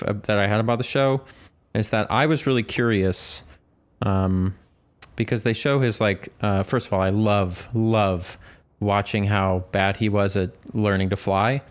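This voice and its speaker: A man co-hosting a casual podcast, telling stories in a rambling, self-interrupting way. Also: on the low side. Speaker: podcast co-host.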